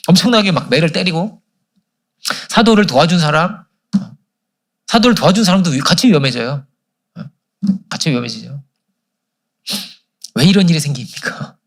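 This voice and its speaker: A man's voice: on the high side, lively intonation, normal speed, long pauses. A man preaching a sermon as pastor, asking the congregation questions and answering them himself. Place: church service.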